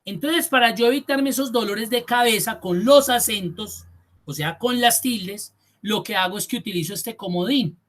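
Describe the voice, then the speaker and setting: A man's voice: high-pitched, normal speed, a bit bright. Patient man teaching a class. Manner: patient, explanatory, repeats key points, thinks aloud. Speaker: spreadsheet course instructor. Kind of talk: online class lesson.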